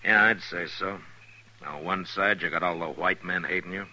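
A man acting as a stern, steady frontier marshal in a 1950s radio western, laconic and commanding, measured in delivery. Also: low voice. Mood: measured, probing. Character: stern, steady male frontier marshal, patient but firm. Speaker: lead actor in a radio western. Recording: noisy vintage 1950s radio broadcast recording.

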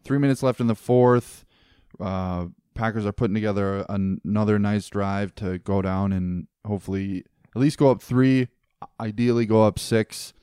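A man with a low, smooth, resonant voice, co-hosting a casual sports podcast. He breaks in with quick, animated exclamations. The recording is dry and close. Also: dry recording. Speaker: podcast co-host.

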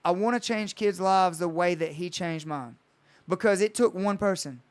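A young man tells a story on a podcast, swearing freely and acting out what people said to him. His voice is fairly high for a man and sounds clear and smooth. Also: moderate pace. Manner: storytelling, retells conversations with swearing. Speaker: coach. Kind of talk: casual podcast chat.

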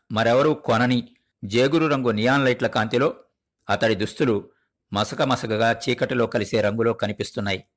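A man hosting an audio story show, reading a short story in a measured, deliberate way with long pauses. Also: medium pitch, a bit bright. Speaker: storyteller host. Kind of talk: dramatic story narration.

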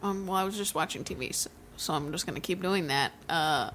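A woman playing a bewildered, polite, soft-hearted homeowner in an improvised comedy sketch. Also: on the low side, a little fast, pitched below the performer's own voice, close to an everyday voice. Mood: puzzled, hesitant. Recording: noticeable background noise.

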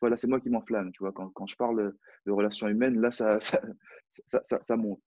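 A man's voice: on the low side, steady tone, brisk, mellow, no room sound, dull audio. A man with a French accent, a personal development coach, talking casually and hesitantly with many fillers and restarts. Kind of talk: casual live discussion.

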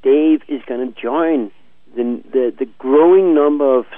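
Co-host, man, 40s, halting and self-repeating, thin phone-like sound, dry. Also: medium pitch, dry recording. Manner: hesitant, repeats words, laughs often. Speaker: podcast co-host. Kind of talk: casual chat. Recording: tinny phone-like line.

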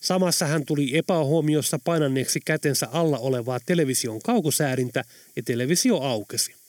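A man narrating an audiobook in an even, measured reading style. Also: fairly high pitch, dry recording, studio quality. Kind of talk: scripted narration.

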